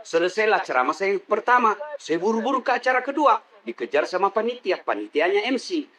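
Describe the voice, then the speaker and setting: A middle-aged man delivers a comedic sermon to a live audience, his high voice brisk, fairly bright and swinging widely in pitch. He teases the crowd and leads them in call-and-response.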